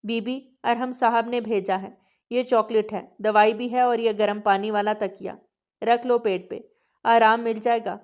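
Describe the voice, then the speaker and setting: A woman's voice: on the high side, fairly even intonation, close to an everyday voice. A woman narrator voicing a kindly middle-aged maid who speaks with motherly tenderness, in an audiobook. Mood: tender. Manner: warm, motherly.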